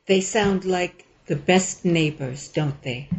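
A woman's voice: on the low side, highs cut off, slight background noise. Courteous, formal female podcast host. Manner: courteous, formal, a little halting. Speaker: interview host. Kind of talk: podcast interview.

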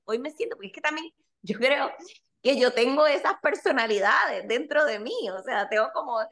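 A woman in her forties, a guest in a casual interview, talking quickly and acting out the voices she quotes. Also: high-pitched. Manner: animated, rapid, acts out quoted voices. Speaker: guest, content creator.

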